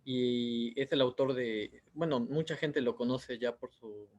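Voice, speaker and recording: A man's voice: mid-range voice, fairly even intonation, unhurried, darkish tone, muffled recording. A Mexican man in his thirties, an author answering interview questions in a rambling way with many fillers. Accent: Mexican Spanish. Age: 30s.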